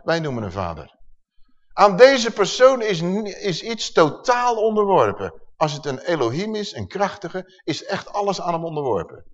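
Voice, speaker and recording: A man preaching a sermon, emphatic and full of rhetorical questions to his listeners. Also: fairly high pitch. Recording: dull sound with long hall reverb.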